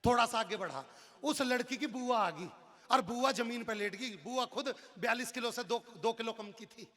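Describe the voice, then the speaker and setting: A man performing comic storytelling as a poet on stage, acting out characters and shouting punchlines. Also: very high voice, moderate pace. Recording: long hall reverb from a live stage PA.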